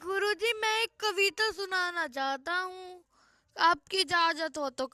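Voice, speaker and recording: A woman's voice: extremely high pitch, steady tone, slow, bright, forceful tone, no echo, studio quality, full character voice. A woman voicing an eager, polite boy pupil asking his teacher's permission in a comic school skit.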